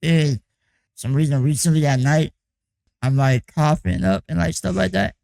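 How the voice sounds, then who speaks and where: In a fairly high, darkish voice that is hoarse, raspy and croaky, a young man talks at a moderate pace through a casual vlog check-in on his music production boot camp. His delivery is loose and rambling, peppered with "like" and "you know."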